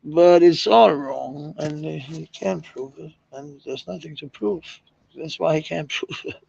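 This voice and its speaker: Danish-accented man, casual streamer, gravelly, slow drawl, profane and rambling, dull lo-fi mic. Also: fairly high pitch, a little mellow, no room sound. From Denmark. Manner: rambling, profane, laughs often. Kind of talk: casual livestream chat.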